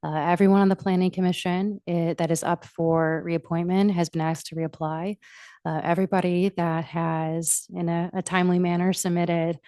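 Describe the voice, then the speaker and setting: A woman chairs a public meeting in a soft-edged, mellow voice on the low side. Her formal remarks come in halting, measured phrases, with very little room sound. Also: level tone, no echo, studio quality. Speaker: township supervisor chairing a board meeting.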